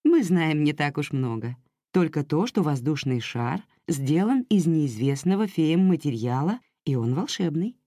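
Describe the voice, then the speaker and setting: A woman reading a storybook aloud and voicing a calm older fairy teacher who explains patiently. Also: sits low, measured pace, no room sound, clean studio sound, voice pushed down. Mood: explaining.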